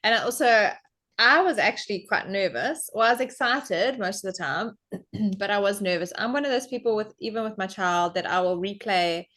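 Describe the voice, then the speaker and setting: A young adult woman, a guest on a podcast, telling a story in casual chat and acting out what people said with big leaps in her voice. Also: moderate pace. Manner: animated storyteller, acts out quotes with big pitch jumps.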